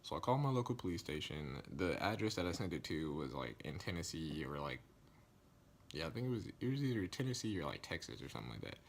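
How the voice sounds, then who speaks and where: A young man telling a casual storytime vlog, slangy and animated, acting out the quoted lines. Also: fast, a little hiss or hum. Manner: animated, acts out quoted lines, rises in pitch when indignant; loose slangy speech with many likes and restarts. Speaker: vlogger.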